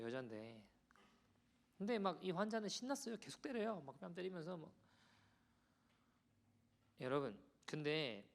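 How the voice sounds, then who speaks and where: A man preaching a sermon as pastor, conversational and animated as he tells a story to the congregation. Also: a little high. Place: church sanctuary.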